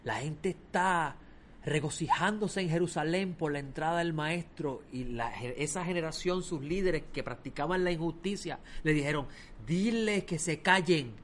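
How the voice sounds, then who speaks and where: A man preaching a sermon, telling stories with lively swings between loud emphasis and quiet asides. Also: fairly high pitch, normal speed, slight background noise.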